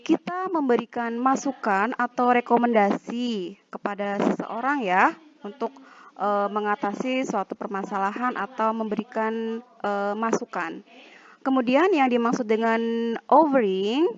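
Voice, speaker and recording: A woman with an Indonesian accent teaching an online English lesson, reading example sentences slowly and carefully. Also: on the high side. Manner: slow, drawn-out example sentences. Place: at home. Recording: dull lo-fi home recording.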